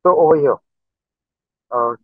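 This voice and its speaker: Speaking a little slowly in a fairly high voice, this male teacher explains his online lecture step by step and keeps repeating "okay." The screen-recorded video call audio comes from a computer mic, tinny and dry, with no room sound.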